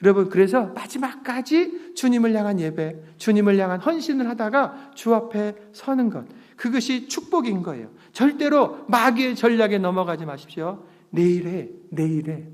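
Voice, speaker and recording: A man's voice: high-pitched, expressive, normal speed. A middle-aged man preaching a sermon as pastor, earnest and emphatic, drawing the congregation into call-and-response. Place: church sanctuary. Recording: long reverb of a church sanctuary.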